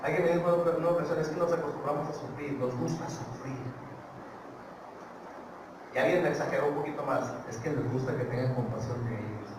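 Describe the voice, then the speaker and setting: A man preaching a sermon, repeating his points and swinging from quiet to loud. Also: fairly high pitch, brisk. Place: church. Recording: echoey church hall, distant mic, background noise.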